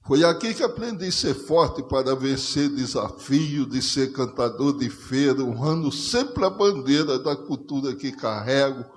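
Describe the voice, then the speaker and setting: A man with a Potiguar accent from Northeastern Brazil declaims rhymed verse in a steady, rhythmic cadence, doubling back on his own lines. His voice sits at an average pitch for a man. It rings out with the long reverb of a cultural center's auditorium. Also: unhurried, few pauses. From Rio Grande do Norte, Brazil. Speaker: poet, guest of a conversation circle. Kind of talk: declaimed rhymed poetry recitation.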